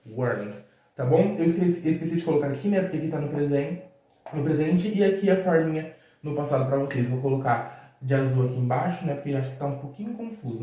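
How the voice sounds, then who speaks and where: A man's voice: a little high, darkish tone. A man with a Brazilian Portuguese accent giving a casual, chatty video lesson as an English teacher, drawing out words as he writes on the board. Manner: chatty, drawn-out words while writing on a board. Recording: very echoey room.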